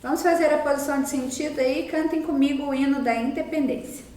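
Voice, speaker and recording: A woman's voice: high-pitched, warm tone. A Brazilian woman teaching a recorded lesson to young children, explaining patiently and repeating herself often. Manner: slow, patient explaining with many repetitions. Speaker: primary school teacher. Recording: roomy sound, mic at a distance.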